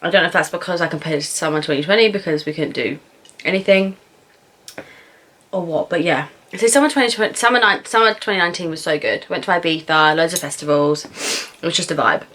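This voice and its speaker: A young woman with a British accent and a slightly low voice. She talks casually and frankly, as in a vlog answering questions over food, pausing to think aloud as she goes. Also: fairly bright tone. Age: young adult. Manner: informal, frank, thinking aloud with pauses and swearing. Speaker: vlogger answering viewer questions. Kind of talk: casual chatty Q&A while eating.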